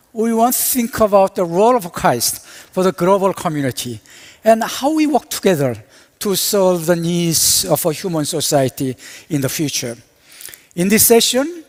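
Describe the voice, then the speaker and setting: A man, a university president, giving a measured, ceremonial welcoming speech on a symposium stage. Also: high-pitched. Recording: long reverb of a hall.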